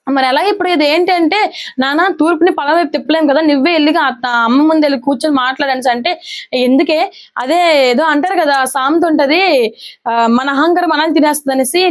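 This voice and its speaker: Woman, casual serial recap host, high-pitched, talks very fast, acts out character lines. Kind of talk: casual episode recap narration.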